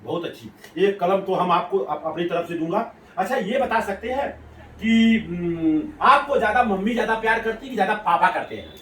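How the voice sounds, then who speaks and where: A man's voice: sits high, lively intonation, moderate pace, a bit bright, slight background noise. A man, coaxing and quizzing a child in a playful, laughing way. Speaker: rationalist activist quizzing a child. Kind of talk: casual questioning chat. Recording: roomy sound from a distant mic.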